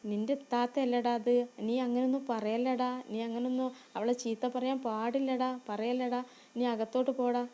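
A woman voicing a gentle, long-suffering young wife who speaks softly and meekly. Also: fairly high pitch, level tone, moderate pace, lightly acted. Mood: pleading. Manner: soft, soothing and meek.

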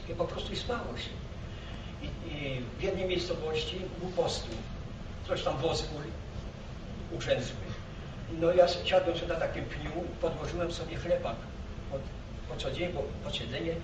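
An elderly man from Poland, a war veteran, recalling his past in a halting, rambling way, repeating himself and breaking off words. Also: fairly high pitch. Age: elderly, 80s or older. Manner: old man's halting, repetitive storytelling with broken-off words. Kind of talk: rambling spoken reminiscence. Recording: roomy, muffled, noisy, distant microphone.

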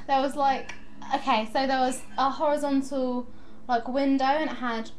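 A young woman vlogging to her camera, rambling excitedly and giggling as she chats. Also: high voice, moderate pace, slight background noise. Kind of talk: casual chatty vlog.

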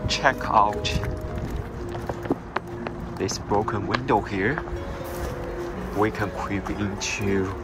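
Deep-voiced man vlogging among ruins. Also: drawn-out words, pauses often, over loud music, rough recording. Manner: chatty, explaining on the move. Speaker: travel vlogger. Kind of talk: travel vlog narration.

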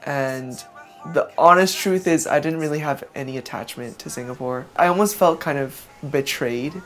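A man's voice: on the high side, faint music behind. A man in his twenties from Hong Kong, a singer-songwriter speaking candidly and wryly in a documentary interview. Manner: candid, wry, brisk.

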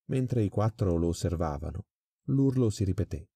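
A man reading a crime story aloud in a measured, dramatic storytelling manner. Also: sits low, expressive, creaky, background noise. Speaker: audiobook reader. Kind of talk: scripted story narration.

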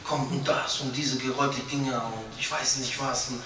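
A man's voice: mid-range voice, fairly even intonation, normal speed, sharp tone, a little hiss or hum. A young man giving an informal, chatty sermon, joking and acting out little scenes as he preaches. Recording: echoey room, voice from a distance.

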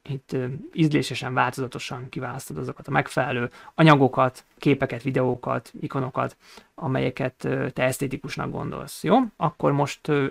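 A man teaching a coding tutorial over a screen recording, explaining each step and pausing often on hesitation sounds. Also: medium pitch, vocal fry, no echo. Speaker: programming instructor.

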